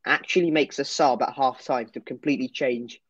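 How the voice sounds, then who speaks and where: A man's voice: medium pitch, fairly even intonation, normal speed, a bit bright, breathy edge, dry recording, lo-fi sound. A man co-hosting a football podcast, reviewing a match in casual chat, hesitant and full of fillers and restarts.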